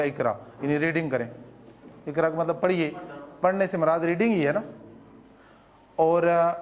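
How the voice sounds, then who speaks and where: School principal, man, high voice, earnest explainer, rhetorical questions, mixes in English terms, muffled recording. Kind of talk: explanatory talk to parents.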